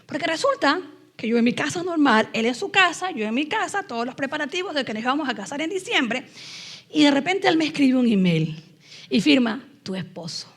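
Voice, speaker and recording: Woman, high voice, middle-aged, from Ecuador, church testimony, animated storytelling. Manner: lively storytelling with acted quotes. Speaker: church speaker giving testimony. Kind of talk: personal testimony sermon.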